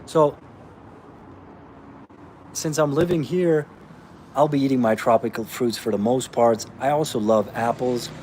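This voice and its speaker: A man's voice: mid-range voice, unhurried, pauses often, a little mellow. Guy from austria, fitness coach, blunt and pushy, says bro a lot, bit of traffic noise behind. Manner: blunt and emphatic, calls listeners bro. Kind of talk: casual talk answering viewer comments.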